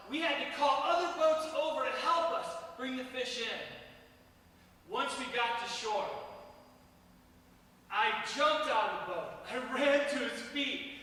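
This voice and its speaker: Male actor as Peter, an earnest, anguished fisherman disciple, high bright voice, church play, echoey hall, distant mic. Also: exaggerated voice. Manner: earnest, swings between calm telling and anguished outbursts. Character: impassioned apostle Peter, remorseful fisherman disciple. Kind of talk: dramatic church monologue. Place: church sanctuary.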